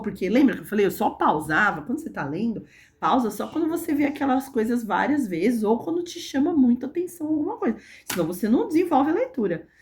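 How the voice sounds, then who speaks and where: A woman with a Brazilian Portuguese accent, an English teacher explaining grammar in a casual video lesson, slowing down to spell out English phrases with care. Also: on the high side, a little mellow.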